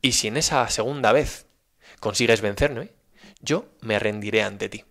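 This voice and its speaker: A man voices a defiant barbarian king who boasts that he will strike back. The voice is low and gravelly, with a Spanish accent. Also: unhurried, fairly bright tone. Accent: Spain.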